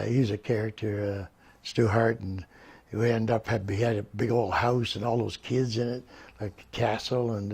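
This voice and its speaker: A man's voice: mid-range voice, gravelly, a little mellow, slightly rough. An older man, a retired wrestler, reminiscing in an interview, rambling through stories and laughing often.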